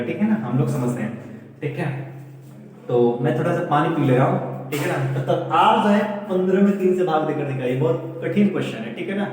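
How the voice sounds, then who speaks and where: A man's voice: on the high side, darkish tone, a little hiss or hum. A man teaching a math lesson to students, explaining step by step and often checking that the class is following. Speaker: math teacher at a coaching centre. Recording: echoey room, voice from far off.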